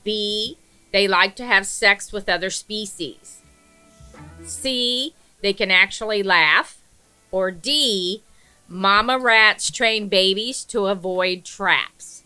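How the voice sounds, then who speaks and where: A woman co-hosting a casual game night, reading quiz questions aloud slowly and giggling at her own lines. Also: mid-range voice, bright, forceful tone, clear, resonant tone, dry recording, soft background music, rough recording. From American South. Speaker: quiz reader and co-host.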